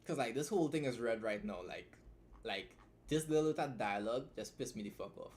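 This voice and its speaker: A man's voice: mid-range voice, expressive, fairly quick, a little mellow. A man live-streaming a critique of someone's story, talking bluntly with lots of swearing, rambling and restarting his sentences.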